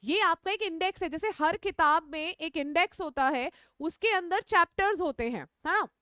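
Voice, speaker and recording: Bright high-pitched woman teaching a class. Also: animated, moderate pace, no room sound, studio quality. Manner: repeats key points, checks in with students; mixes English phrases into Hindi. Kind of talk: live online class lecture. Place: online class, some students in room.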